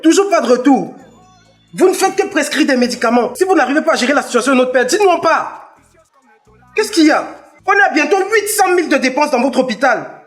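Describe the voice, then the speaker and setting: A man's voice: lively intonation, fairly quick, soft background music. A man playing a pushy, impatient grown son in a comedy skit. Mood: complaining. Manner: pushy, complaining, rising in pitch when upset.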